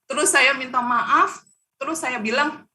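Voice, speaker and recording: A woman's voice: sits high, unhurried, sharp tone, distant mic, slight background noise. A woman who is a guest on a talk show, earnestly telling a personal story. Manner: earnest, laughs between phrases.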